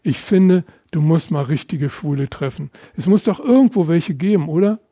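A calm, friendly teenage boy, slightly raised and lively in tone, speaks in a gentle, reassuring way, as a man reads him aloud. The voice sounds mellow and dark, and it is recorded close and dry. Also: a little high, moderate pace, no echo, natural voice. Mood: encouraging.

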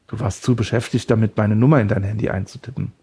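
A man's voice: fairly low pitch, steady tone, fast, warm tone, breathy edge. A man voicing a deranged male woodcutter who holds someone captive, taunting and smug, then creepily tender. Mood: mocking. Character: deranged male woodcutter kidnapper, mocking and obsessive.

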